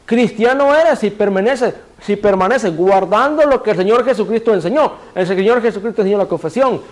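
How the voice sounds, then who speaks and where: High-voiced man preaching a sermon. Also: brisk. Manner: asks the congregation rhetorical questions and answers them; directs a reader to repeat scripture phrases.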